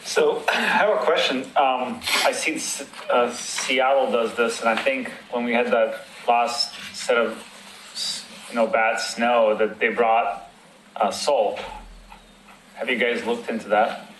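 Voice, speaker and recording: A man's voice: medium pitch, fairly even intonation, slow, fairly bright tone, a little hiss or hum. Bosnian-born man asking questions in an echoey room. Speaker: committee member. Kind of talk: public committee meeting discussion.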